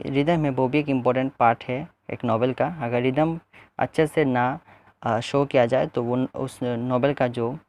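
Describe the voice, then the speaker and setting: A man walks his viewers through a book as a literature lesson. He calls them friends, restates each point and fills gaps with hesitant sounds, at a middling pitch. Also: darkish tone. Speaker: literature teacher.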